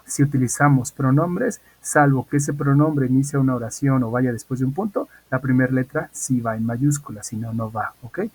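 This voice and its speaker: Husky-voiced man teaching an online English class. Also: mid-range voice, moderate pace, hardly any pauses, darkish tone, poor audio. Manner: patient, repeats key points and checks in with "¿ok?".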